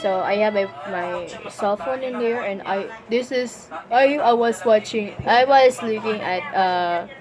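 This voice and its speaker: A woman's voice: mid-range voice, measured pace, hardly any pauses, over music. A woman vlogging a casual Q&A with a stuffy runny nose, rambling, correcting herself and giggling as she goes. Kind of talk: casual Q&A vlog.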